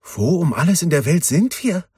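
A man's voice: a little high, sing-song, normal speed, warm tone, slightly rough, no room sound, clean studio sound, pitched above the performer's own voice, exaggerated voice. A man voicing an anxious father and farmer who asks and exclaims in a raised voice.

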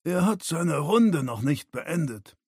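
A cutting, scornful woman with a high voice, as a male narrator puts her on. She hisses short, hostile lines from a husky throat, and her contempt drags the words out slowly. It sounds like a dry, close audiobook reading. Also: sing-song, darkish tone, dry recording, full character voice. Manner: hissing, curt, scornful. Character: sharp-tongued hostile woman, adult daughter.

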